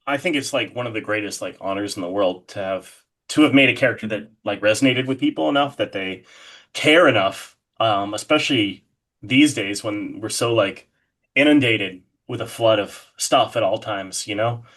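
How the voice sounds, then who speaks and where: With a fairly low, fairly bright voice at normal speed, this man is a horror artist appearing as an interview guest. He talks in a casual, rambling, enthusiastic way, frequently pausing to figure out what he means.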